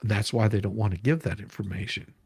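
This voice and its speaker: A man's voice: fairly low pitch, steady tone, fairly quick, a little mellow, breathy edge, no room sound, studio quality. A man hosting a livestream, reading legal documents aloud and explaining them casually, repeating himself for emphasis and occasionally swearing. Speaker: livestream host.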